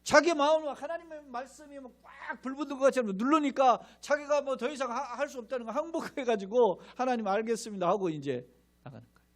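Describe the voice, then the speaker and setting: A man's voice: very high-pitched, expressive, brisk. A middle-aged man, a pastor, preaching a sermon with emphatic delivery and rhetorical questions to the congregation, sometimes acting out mocking voices. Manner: acts out mocking crowd voices in asides.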